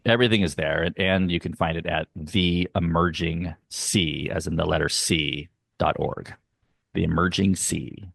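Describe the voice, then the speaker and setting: Deep gravelly-voiced man, earnest. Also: steady tone, fairly bright tone, no room sound, clean studio sound. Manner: earnest, explanatory, sometimes slow and emphatic. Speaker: guest, youth arts nonprofit leader. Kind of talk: conversational interview. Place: home, dog barking nearby.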